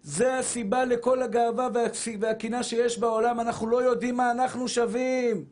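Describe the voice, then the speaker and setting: A man preaching a Torah sermon as a rabbi, fervent and shouting, repeating phrases for emphasis and calling listeners his brothers. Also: extremely high pitch, steady tone. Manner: addresses listeners as brothers and dear souls.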